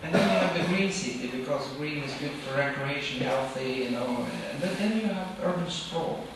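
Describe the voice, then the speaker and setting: A middle-aged woman from Norway answering questions after an academic talk in a large auditorium, thoughtful and halting, with fillers and restarts. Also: low-pitched, expressive, far from the mic. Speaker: workshop speaker. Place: large wood-paneled auditorium, on a stage at a podium. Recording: echoey hall picked up from afar, with background noise.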